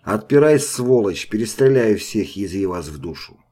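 A man reading an audiobook, voicing a brutal red-haired sergeant who shouts threats and sneers. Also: lowish voice, expressive, normal speed, husky. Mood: menacing.

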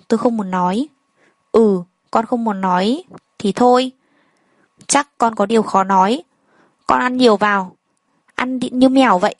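A woman reads a first-person story aloud in a fairly high voice. She voices every character in much the same plain way. The recording is dry and close, with almost no room sound. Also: no echo, poor audio. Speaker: narrator.

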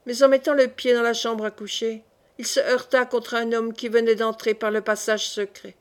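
A woman's voice: on the high side, flat delivery, normal speed. Woman reading a classic novel aloud. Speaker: audiobook reader. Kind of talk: audiobook narration.

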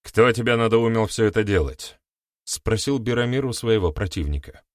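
A man reading the part of a calm male sorcerer-priest who speaks evenly and solemnly. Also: fairly low pitch, moderate pace, no echo, clean studio sound, close to an everyday voice. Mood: demanding. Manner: even and solemn.

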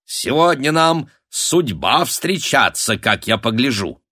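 A man's voice: big pitch swings, unhurried, fairly bright tone, no room sound, clean studio sound, exaggerated voice. A man voicing a bold, mocking young princess who laughs at the man threatening her. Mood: merry. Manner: laughing, teasing, high-spirited.

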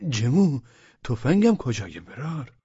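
A man voicing panicked, bumbling young provincial gendarmes, shouting in a frantic, whiny, dialect-tinged way. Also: medium pitch, big pitch swings, husky, no echo, pitched above the performer's own voice. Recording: dull lo-fi dry audiobook recording.

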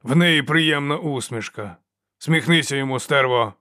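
A man reading an audiobook voices a coarse male slave guard who haggles and mocks in a loud, jeering way. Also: mid-range voice, moderate pace, no echo, clean studio sound, natural voice. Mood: jeering, haggling.

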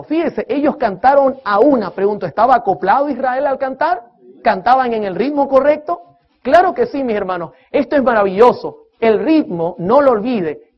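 A man preaching a sermon-style lecture on music, emphatic, asking his listeners questions and counting beats aloud. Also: sits high. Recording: dull lo-fi recording.

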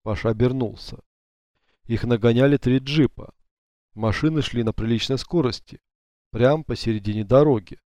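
A male audiobook narrator with a dark, mellow timbre who tells the story in an even, measured way. He sits close to the mic in a dry, dead booth with nothing behind him. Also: medium pitch, dry recording. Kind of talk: scripted narration.

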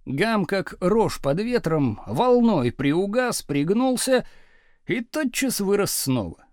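An expressive male narrator reading a novel aloud with dramatic storytelling. His voice is high and very lively in pitch. It is recorded close and completely dry. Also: slow, no room sound. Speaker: audiobook narrator.

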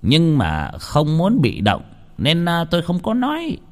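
A man voicing a knowing old village sorcerer, slow, drawn-out and ominous. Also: fairly high pitch, wildly swooping pitch, pitched above the performer's own voice.

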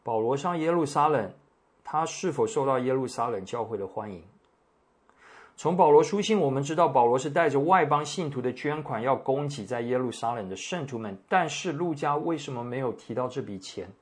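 A man preaching a sermon, reading scripture in a measured, deliberate way with pauses. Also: mid-range voice, animated, husky. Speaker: pastor. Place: church meeting room.

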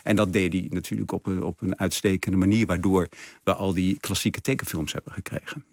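A man's voice: deep voice, steady tone, brisk, darkish tone, no echo, studio quality. A man guest in a radio interview, explaining with enthusiasm and plenty of fillers. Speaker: exhibition curator, guest. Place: radio studio.

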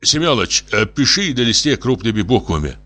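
A man's voice: mid-range voice, sing-song, brisk, bright, forceful tone, faint music behind, pitched above the performer's own voice. A man voicing a simple, blunt plumber who barks orders in plain words.

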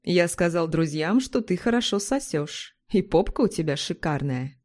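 Woman reading a domineering man, rough and bossy, mellow low-set voice; storybook audio. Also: expressive, moderate pace. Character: pushy domineering young man.

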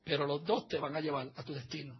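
A man preaching a sermon as pastor at a church service. He is emphatic, swinging between soft asides and loud exhortations. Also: on the high side, fairly even intonation, fast talker, breathy edge, lo-fi sound.

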